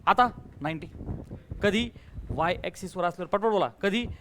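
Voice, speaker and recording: A man teaching a maths class in a classroom, energetic, firing questions at students and urging them to answer loudly. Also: high voice, normal speed, a little hiss or hum. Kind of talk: classroom lecture with call-and-response.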